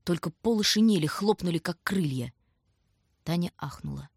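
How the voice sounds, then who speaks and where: Low, husky woman reading a story. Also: animated, moderate pace, darkish tone, dry recording, studio quality. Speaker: narrator. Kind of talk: audiobook narration.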